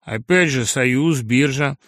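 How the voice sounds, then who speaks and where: A man's voice: mid-range voice, takes it slowly, a bit bright, dry recording, studio quality. A male audiobook reader voicing a crude, brash young man newly made from a dog, mocking, aggrieved and insistent. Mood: smug. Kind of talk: audiobook character reading.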